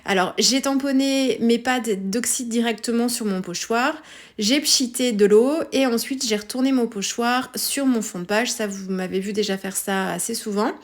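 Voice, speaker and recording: A woman's voice: a little high, moderate pace. Chatty French woman hosting a craft tutorial. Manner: hesitant, many fillers and self-corrections. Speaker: scrapbooking tutorial host. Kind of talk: casual craft tutorial voice-over.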